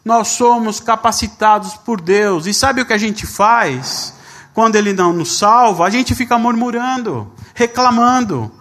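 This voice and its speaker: A pastor delivering a sermon in a notably high voice. He reads scripture at an unhurried pace and acts out the voices in his stories. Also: lively intonation, fairly bright tone. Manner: storytelling with quoted dialogue.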